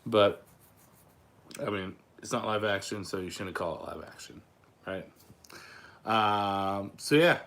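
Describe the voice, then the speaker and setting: A young man hosting a live Q&A stream from an upstairs room at home chats casually and frankly, swearing freely as he rambles through stories. He is losing his voice after being sick, so it is slightly raspy and giving out. His pitch is fairly low and a bit bright, and he goes slowly with frequent pauses over clearly audible background noise.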